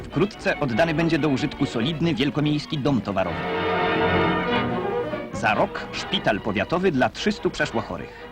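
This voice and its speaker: A man's voice: a little high, expressive. Man narrating an old 1960s newsreel. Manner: formal, measured announcer delivery. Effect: old newsreel voice-over over music. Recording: 1960s newsreel soundtrack with loud music.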